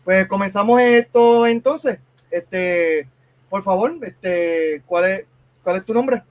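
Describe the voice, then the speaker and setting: A man's voice: sits high, takes it slowly. A man hosting a podcast interview, speaking formally with hesitant fillers. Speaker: podcast host.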